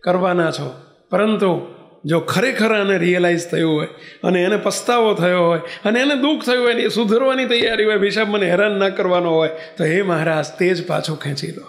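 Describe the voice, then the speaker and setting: A man's voice: high voice, a little fast, reverberant. A man voicing a frightened young woman who repeats urgent prayers for protection. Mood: praying.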